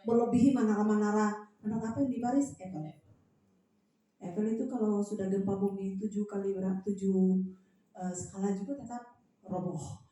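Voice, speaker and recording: Woman preacher in a booming echoey hall. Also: a little fast, pauses often. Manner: lively, animated storytelling with swings in loudness. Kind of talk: sermon. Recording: very echoey hall, mic from a distance.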